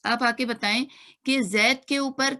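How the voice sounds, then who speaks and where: A woman's voice: fairly high pitch, steady tone, measured pace, sharp tone. A woman teaching an online grammar class, patiently repeating and spelling out sounds. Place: online video class room.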